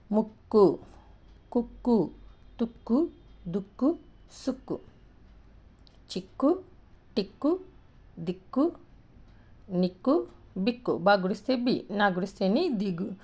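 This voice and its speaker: A woman teacher leads a lesson in a warm, mellow voice. She reads words out slowly, drawing each syllable out clearly, then explains them in a steady classroom tone. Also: medium pitch. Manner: slow, drawn-out syllable-by-syllable word reading. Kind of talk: Telugu grammar lesson, reading words aloud.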